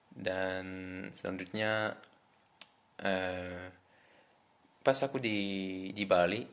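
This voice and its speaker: A man's voice: low-pitched, creaky. A young French man with a French accent, speaking Indonesian as a foreigner in a casual, hesitant vlog introduction to camera. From France. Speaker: vlogger introducing himself.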